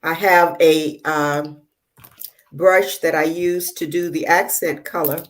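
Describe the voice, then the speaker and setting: Woman host, low voice, casual halting tutorial patter on a video call. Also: fairly even intonation. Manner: halting, many fillers while working; checks the viewers can see. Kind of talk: casual live demonstration.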